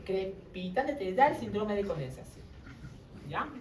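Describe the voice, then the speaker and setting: A woman's voice: mid-range voice, very animated, measured pace. A woman gives a medical lecture and keeps checking in with her students through short tag questions. She is picked up from some distance in a reverberant classroom. A faint background hum runs under her voice. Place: lecture room. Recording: roomy classroom audio from far off.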